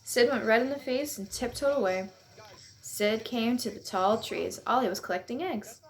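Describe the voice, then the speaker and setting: A woman reading a children's picture book aloud at home, in a gentle, lively read-aloud voice. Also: a little high, normal speed. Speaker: storyteller. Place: at home on a couch.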